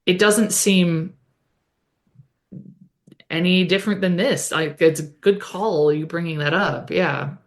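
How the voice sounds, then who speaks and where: A woman's voice: fairly low pitch, slow, pauses often. A woman co-hosting a podcast, recapping a TV episode in casual chat full of fillers and self-corrections. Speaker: podcast co-host.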